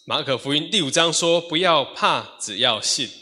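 A man interpreting a sermon phrase by phrase in a church hall, in a steady manner. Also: on the high side, normal speed. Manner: steady, echoes each phrase after the preacher.

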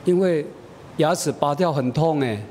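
A man's voice: normal speed, darkish tone, natural voice. A man voicing a stubborn, demanding little girl of about four, with an insistent, whiny manner. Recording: echoey hall, faint rumble.

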